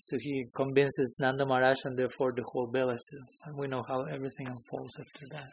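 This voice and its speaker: A man's voice: medium pitch, flat delivery, fast talker, gravelly, a little hiss or hum, low-quality recording. A man teaching a scripture class, who chuckles often and keeps checking in with his listeners. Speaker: spiritual teacher.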